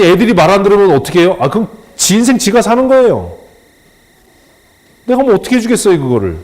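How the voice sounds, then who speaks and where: Lively, high-voiced male pastor preaching. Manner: animated, colloquial, acts out dialogue with humor. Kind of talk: sermon.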